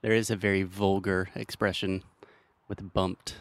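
A man with a fairly low voice hosts a language podcast, joking with his guest while he teaches. He explains grammar patiently, with simple examples. The sound is close and dry, with no room around it. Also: flat delivery, measured pace, no room sound. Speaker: podcast host and English teacher. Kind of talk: casual teaching chat.

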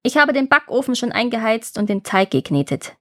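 A woman's voice: on the high side, big pitch swings, a little fast, fairly bright tone. A woman voicing a wicked old witch. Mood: harsh commanding. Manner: gruff, scolding, bossy. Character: wicked old child-eating witch, cunning and harsh. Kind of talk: storybook reading.

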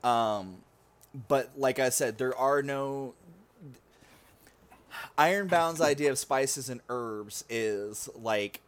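A man running a tabletop game, talking in a loose, rambling way and leaning on "like" and "um" as he describes the scene. His voice sits at an ordinary middle pitch, relaxed and conversational. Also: slow, pauses often, clear, resonant tone. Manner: casual, filler-heavy narration with many likes and ums. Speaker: game master.

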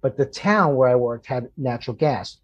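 A man who works as a firefighter recounts a call in a halting, earnest way, often restarting his sentences. His voice sits at an ordinary middle pitch for a man, and he talks it through in a conversational manner. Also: lively intonation, lo-fi sound. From Florida. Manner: halting, many restarts, gets emotional. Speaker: firefighter guest. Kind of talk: storytelling in conversation.

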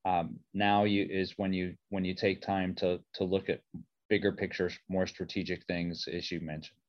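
A man with a deep voice comments as a panel expert. He talks haltingly with flat pitch, and the audio is dry and a little dull. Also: no echo. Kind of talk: unscripted market commentary.

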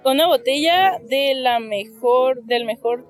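A young Mexican woman with a high, bright-pitched voice tells a story on the street, leaping up in pitch whenever she acts out someone else's lines. Faint music plays behind her. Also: slow pace. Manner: acts out quoted voices with big pitch jumps. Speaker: guest interviewee. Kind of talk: casual storytelling. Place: outdoors on a street.

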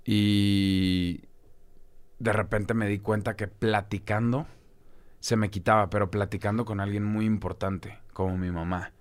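A man's voice: lowish voice, fairly even intonation, unhurried. A young Mexican man, a podcast guest, talking candidly and casually in a rambling, slangy storytelling way. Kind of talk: casual conversational interview.

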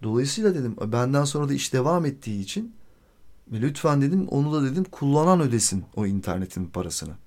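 A man hosting a podcast, telling a personal story in a casual, animated way and acting out the quoted dialogue. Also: medium pitch, fast. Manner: swears freely. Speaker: podcast host.

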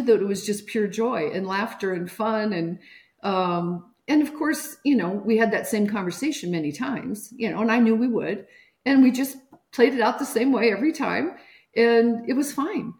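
A woman's voice: mid-range voice, a little mellow, roomy sound. A woman guest on a podcast interview, telling a personal caregiving story and acting out the voices of people she quotes.

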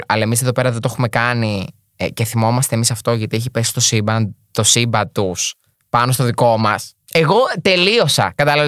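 A man's voice: mid-range voice, a bit bright, smooth, no echo, clean studio sound. A young man hosting a podcast in a casual, chatty monologue, full of joking asides. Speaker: podcast host.

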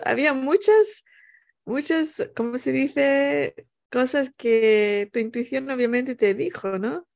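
A woman's voice: fairly high pitch, creaky, a little mellow. A woman in casual, reflective discussion who often searches for words and drops in bits of English. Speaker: panel participant.

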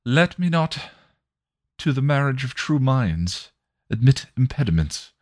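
A man voicing a gentle, romantic male poet who recites verse slowly and lyrically. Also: mid-range voice, sing-song, no room sound, studio quality, pitched above the performer's own voice. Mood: tender. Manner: slow, lilting recitation of verse.

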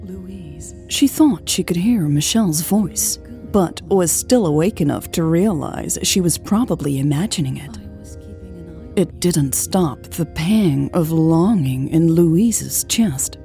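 A woman narrating an audiobook in a measured, steady reading at a close microphone. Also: low voice, faint music behind.

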